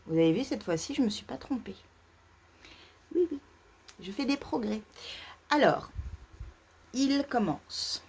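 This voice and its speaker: Une femme qui anime un vlog de tricot sur un ton décontracté, en hésitant beaucoup, avec de nombreux « euh ». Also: female voice, medium pitch, darkish tone, slightly rough. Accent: French. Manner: hesitant, many fillers and restarts. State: feeling too warm. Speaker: knitting podcast host. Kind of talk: casual knitting vlog chat. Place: parents' home, indoors.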